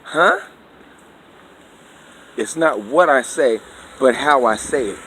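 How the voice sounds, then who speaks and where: A man's voice: mid-range voice, expressive, slow pace, bright, forceful tone, a little hiss or hum. A man giving a preachy, conversational opinion monologue, constantly checking in with his listener. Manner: preachy and conversational, keeps asking "you know what I'm saying". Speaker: vlogger.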